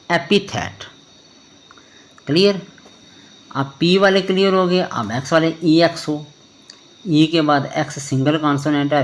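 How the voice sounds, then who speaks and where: A man teaching a pronunciation lesson, spelling words out letter by letter and often checking whether it is clear. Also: a little high, a bit bright. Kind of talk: spoken classroom lesson.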